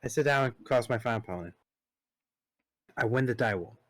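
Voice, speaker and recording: A man's voice: medium pitch, brisk, fairly bright tone, no room sound. A man hosting a podcast, animatedly telling a story in casual talk, acting out both sides of conversations and swearing casually. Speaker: podcast host.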